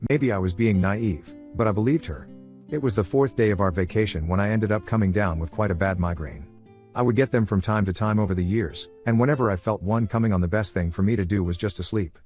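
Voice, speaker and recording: A man's voice: lowish voice, brisk, a little mellow, soft background music. A man reading a scripted first-person story as a narrator.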